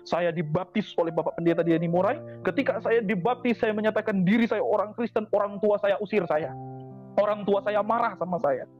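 A man's voice: high voice, fairly quick. A man giving a personal testimony to a congregation, speaking earnestly and repeating his phrases for emphasis. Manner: repetitive, earnest, heartfelt phrasing. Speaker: convert giving a church testimony. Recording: dull lo-fi recording with faint music.

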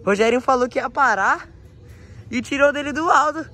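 A young man with a São Paulo Brazilian accent, chatting casually and excitably in slang to a handheld phone outdoors as he vlogs. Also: very high voice, normal speed. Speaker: vlogger. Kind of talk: casual vlog chat. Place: outdoors in a residential yard. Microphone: handheld phone, held by the speaker.

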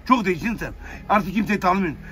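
Fast, animated high-voiced man. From Mersin, Turkey. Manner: repetitive, insistent, soothing. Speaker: street personality. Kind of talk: casual banter.

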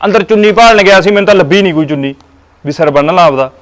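An actor voices an exasperated husband in a village comedy drama who is stuck between his wife and his mother. He talks fast, and his voice is high for a man. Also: lightly acted. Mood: bickering. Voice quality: exasperated, bickering. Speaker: husband and son.

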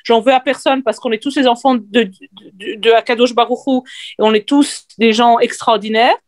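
A woman from the audience asking the rabbi questions, halting and restarting her sentences. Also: fairly high pitch, steady tone, no room sound, studio quality. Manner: hesitant, halting, restarts phrases.

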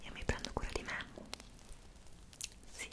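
A young woman voicing a kind, motherly Mrs Claus in an ASMR roleplay, whispering up close and coaxing with gentle questions. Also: a little slow, natural voice. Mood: caring. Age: young adult. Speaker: ASMR creator. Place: indoor room decorated for Christmas.

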